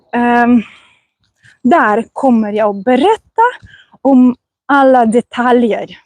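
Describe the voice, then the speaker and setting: Woman, language teacher, slow careful vlog speech, outdoors on a forest path, dry close sound. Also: high-pitched, warm tone, no room sound.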